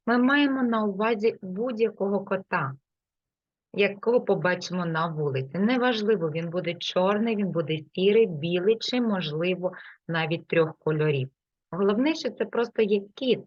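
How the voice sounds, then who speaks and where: A woman teaching an English lesson, explaining patiently and repeating example words clearly. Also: mid-range voice, no room sound. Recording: dull, lo-fi, dry sound.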